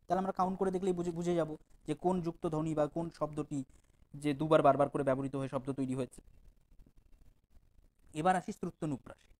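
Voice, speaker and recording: A male teacher giving an exam-prep lecture, patiently explaining and repeating definitions slowly, demonstrating pronunciation and reciting poem lines aloud. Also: on the high side, fairly even intonation, a little mellow, low-quality recording.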